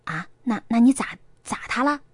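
A nosy, warm-hearted middle-aged mother, put on by a woman reading the story, talking in homely, colloquial turns. The voice swings lively up and down in a dry, close sound. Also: fairly high pitch, normal speed, dry recording. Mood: coaxing.

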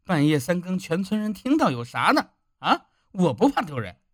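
A man's voice: high-pitched, sing-song, normal speed, no room sound, clean studio sound, voice pushed up, heavily acted. A man doing a drunk, furious village husband. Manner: shouting, bitter.

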